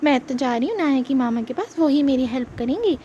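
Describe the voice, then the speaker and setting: A woman's voice: high voice, expressive, fast, dark tone, highs cut off, slight background noise. A woman voicing a panicky, overdramatic little girl doll in a children's puppet show. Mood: pleading. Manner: wailing, overdramatic pleading.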